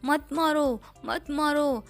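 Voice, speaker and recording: A woman's voice: fairly high pitch, measured pace, faint music behind, close to an everyday voice. A woman voicing a scheming, bullying male crow who threatens a small bird. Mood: begging. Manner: blustering, threatening.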